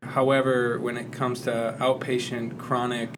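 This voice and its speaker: A man's voice: medium pitch, flat delivery, unhurried, noisy background. A man from Michigan, a medical fellow, explaining his reasons earnestly and steadily on a podcast panel. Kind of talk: casual panel discussion.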